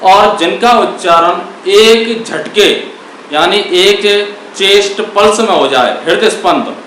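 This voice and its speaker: A man teaching a grammar lesson, asking questions and answering them himself, repeating key words and sounding out syllables slowly. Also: high voice, fairly bright tone, very echoey, recorded from a distance, slight background noise, low-quality recording. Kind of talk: classroom lesson.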